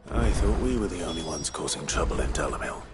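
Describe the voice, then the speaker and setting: A man playing a terse, level-headed wandering swordsman with a measured delivery in a fantasy game. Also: extremely low pitch, very animated, over loud music, exaggerated voice. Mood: calm, probing. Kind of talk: period fantasy game drama acting.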